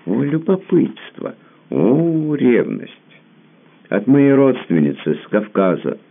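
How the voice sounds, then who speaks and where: A man with a very deep, gravelly voice voicing a capricious, coquettish young woman who teases and pouts, heard through a tinny phone-like line. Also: very animated, measured pace, exaggerated voice. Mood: teasing. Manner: teasing, pouting, half childish.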